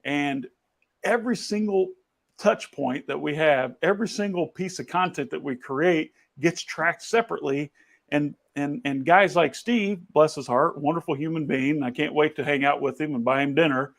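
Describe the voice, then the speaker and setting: A man with a fairly high, gravelly voice, hosting over a video call. He tells stories animatedly, restarting often as he goes. The sound is casual and conversational. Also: moderate pace. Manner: animated anecdotes with frequent restarts. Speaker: podcast host. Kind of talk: conversational storytelling. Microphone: video call camera.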